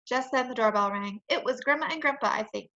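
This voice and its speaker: A woman reads a children's chapter book aloud with playful, expressive storytelling. Her voice is high and bright. The recording is dull and lo-fi. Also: fairly quick.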